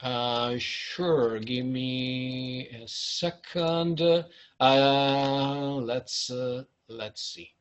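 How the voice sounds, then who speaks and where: A man with an Italian accent presents business advice on a video call. His pitch sits in a middle range for a man. He speaks earnestly and pauses often as he searches for words. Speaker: webinar presenter.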